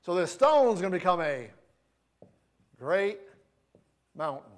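Guy preaching in church, kinda high voice, loose folksy storytelling. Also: very animated. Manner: folksy storytelling, slows down to read scripture. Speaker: pastor. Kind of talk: casual preaching sermon. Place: church sanctuary.

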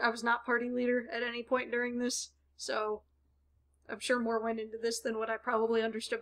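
A woman with a high, light voice chats casually as a podcast co-host. She rambles through a story, often laughing and restarting her sentences. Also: sharp tone. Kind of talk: casual chat.

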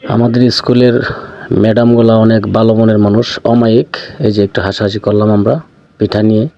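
A man talks casually in a low voice, retelling conversations fondly. His vlog narration sounds loose and friendly. A faint noise hum sits under it. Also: flat delivery, a little fast, dark tone. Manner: chatty, fond, retelling conversations. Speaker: vlogger. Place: school fair outdoors.

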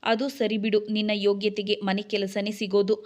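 Harsh, scolding husband , read flatly by a woman narrator; storybook role. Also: medium pitch, normal speed, natural voice. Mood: angry scolding. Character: angry scornful young husband, man.

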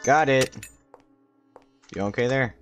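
A man's voice: medium pitch, slow, soft background music. A man giving casual, sweary game commentary in slangy language as he plays. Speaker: gaming video host.

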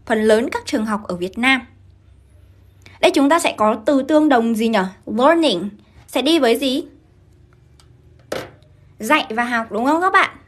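High-voiced Vietnamese woman teaching English. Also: expressive. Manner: brisk, keeps asking students to confirm. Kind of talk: live-streamed grammar lesson.

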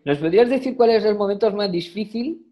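A man's voice: high voice, lively intonation, brisk, muffled recording. A man in his thirties hosting an interview over a video call, asking short questions and backing the guest with frequent murmurs of assent. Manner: brief questions, frequent "ujú" backchannel.

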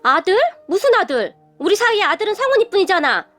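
A middle-aged father reeling in disbelief, pressing hard for answers, voiced by a woman narrator. The voice stays high and light, with soft music underneath. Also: big pitch swings, fast, heavily acted. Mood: disbelieving. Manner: demanding, disbelieving shouts.

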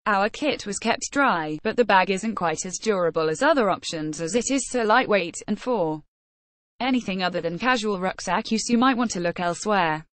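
A woman gives a scripted narration of a product review at a middle pitch. She reads ratings and web addresses word for word. The recording is dry and close, with no room sound. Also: no echo.

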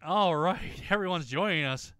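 A man rambles through relaxed let's-play commentary, joking and swearing as he goes. His voice is bright and crisp, recorded close and dry with no room sound. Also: on the high side, normal speed, no echo. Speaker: gaming video host.

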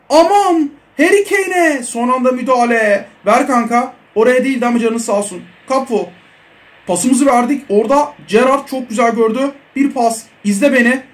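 A young man giving casual, excitable commentary over a mobile football game, chatting to his viewers. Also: very high-pitched. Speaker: mobile football gaming creator.

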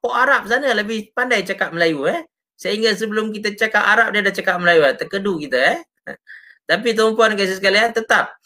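A Malaysian Islamic teacher with a high-sitting, bright, forceful voice gives a casual live lesson. He's chatty, often addresses viewers and checks in with them, reads out and answers their comments, and peppers his talk with short "ha, ya" tags.

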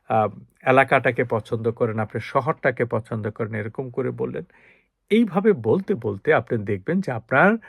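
A man's voice: medium pitch, dry recording, studio quality. A man, an English teacher giving a lesson, explaining patiently and speaking straight to the viewer. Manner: drills example sentences in a steady repetitive rhythm. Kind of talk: spoken language lesson.

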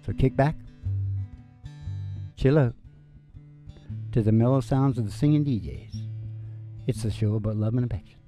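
A musician in his sixties hosts a show on a small indoor stage with a curtain, speaking in a mid-range voice at normal speed with long pauses. The banter is rambling and folksy, an easygoing storyteller drifting into asides that trail off. Acoustic guitar picking plays live behind him as a close stand microphone records.

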